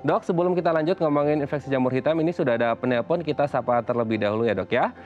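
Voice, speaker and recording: Man, TV host, brisk pace, courteous customer-service manner, music behind, slightly dull audio. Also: medium pitch, a little mellow. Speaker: TV talk show host. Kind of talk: live health talk show hosting.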